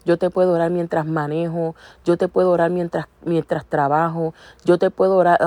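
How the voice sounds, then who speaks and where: A woman preaching in an earnest, exhorting way, circling back to repeat her points. Her voice sits fairly low and sounds mellow and warm. The recording is close and dry. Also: no echo. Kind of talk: informal sermon on prayer.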